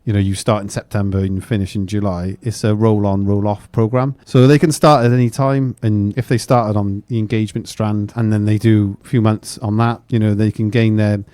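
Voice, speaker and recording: A man's voice: lowish voice, little pitch movement, brisk, hardly any pauses, dark tone, no echo. A man explaining things conversationally as a guest in a casual interview. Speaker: guest, youth training provider staff.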